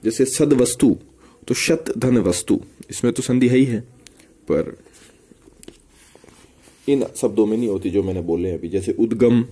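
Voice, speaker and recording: A man with a lowish, dark voice and a breathy edge teaches a grammar lesson for exam prep. He breaks each example word into parts and repeats it slowly, using tag questions as he goes.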